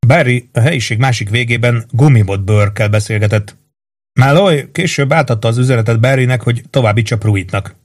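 A man reading a novel aloud in calm, measured narration. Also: mid-range voice. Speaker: audiobook narrator. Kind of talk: scripted narration.

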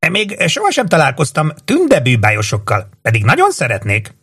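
A man's voice: on the high side, huge pitch swings, a bit bright, husky, voice pushed up, heavily acted. A man voicing an eccentric, cheerful wandering trickster in an audiobook, speaking in a playful, offhand way. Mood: chirpy.

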